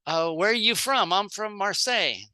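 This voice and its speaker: At a sales training talk, a mid-range, unhurried voice comes across as very bright and animated. The speaker is plain-spoken and stages brief sample dialogues, speaking in short phrases that pause for an interpreter.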